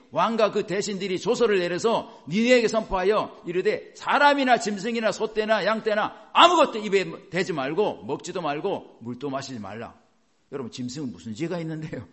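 A man preaching a sermon in an animated way, asking rhetorical questions and chuckling as he goes. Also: high-pitched. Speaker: pastor.

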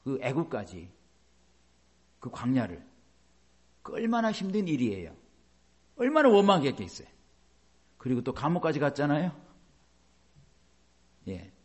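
A middle-aged man preaching a sermon as a pastor, animated, with many rhetorical questions. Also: medium pitch, measured pace, long pauses, husky.

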